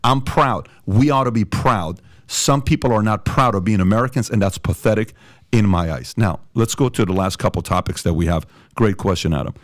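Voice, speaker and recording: A man's voice: lowish voice, normal speed, no echo, clean studio sound. Emphatic Iran-born man hosting a podcast. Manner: emphatic, repetitive, fillers. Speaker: podcast host. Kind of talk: opinionated podcast chat.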